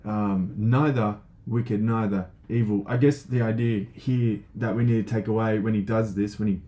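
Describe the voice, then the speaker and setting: A man with a low, mellow voice gives a relaxed spoken lesson. He thinks aloud, leans on fillers and keeps asking "right?" as he goes. When he reads a passage he slows down and sounds each word out with care. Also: muffled recording. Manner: reads passages slowly and carefully. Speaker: teacher.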